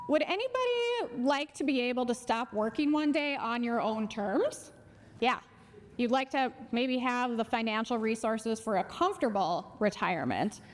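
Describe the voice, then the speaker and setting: A woman with a Minnesota accent giving a live talk on finances to a conference audience and polling the crowd. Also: a little high. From Minnesota, USA. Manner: friendly, asks the crowd questions. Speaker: financial educator and speaker. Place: conference hall. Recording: long reverb of a large hall.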